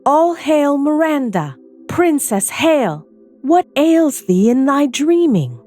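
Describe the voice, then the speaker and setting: Airy female spirit from an audio storybook, eager servant, high and lilting, as a woman narrator puts her on. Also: big pitch swings, slow, mellow, soft background music, exaggerated voice.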